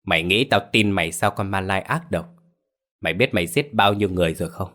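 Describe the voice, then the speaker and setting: A man voicing a stern, protective old village father who scolds harshly in a low voice. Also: fast, fairly bright tone. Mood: angry.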